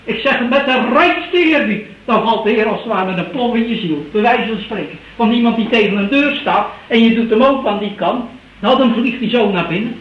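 High-voiced preacher in an echoey church. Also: male voice, brisk. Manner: earnest, pleading, with many rhetorical questions and tag words. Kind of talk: sermon. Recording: echoey church recording from a distance, dull sound.

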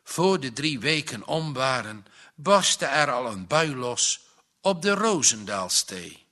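A man reading a storybook aloud, slow and expressive. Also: medium pitch. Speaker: narrator.

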